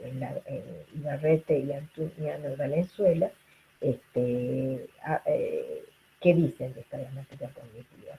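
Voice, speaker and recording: A woman's voice: low-pitched, vocal fry, warm tone, slight background noise, poor audio. A woman giving an online lecture to students over a video call. She keeps checking in with her listeners through rhetorical questions and fillers. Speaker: linguistics lecturer.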